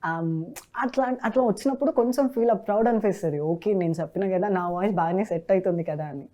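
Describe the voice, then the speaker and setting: A woman with a Telugu accent, a dubbing artist chatting casually in an interview in a relaxed way. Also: mid-range voice, quick pace, muffled recording. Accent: Telugu, Hyderabad. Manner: relaxed, bursts into lively character voices when imitating film dialogue.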